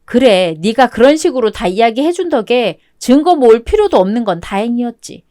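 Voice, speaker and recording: A woman's voice: a little high, sing-song, brisk, warm tone. A woman reading a web-toon radio drama as narrator and wronged wife, cold and cutting.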